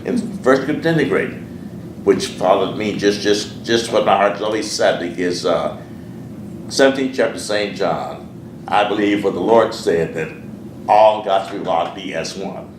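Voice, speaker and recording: Older Southern pastor, deep and distant. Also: male voice, moderate pace. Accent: Southern American. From Sheffield, Alabama. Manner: earnest, repeats words and phrases. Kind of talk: oral history interview. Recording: echoey room, distant mic, noisy.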